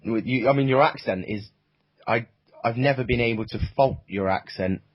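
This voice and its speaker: A man's voice: mid-range voice, dry recording. A young man, writer and producer of an audio drama, talking in a casual interview with many restarts. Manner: halting, full of restarts. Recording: dull, dry lo-fi sound.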